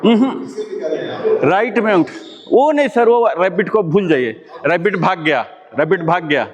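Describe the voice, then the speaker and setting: A man's voice: high voice, lively intonation, normal speed, big-room sound. A man leading a live brain-exercise class, patiently coaxing and repeating cues. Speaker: exercise instructor.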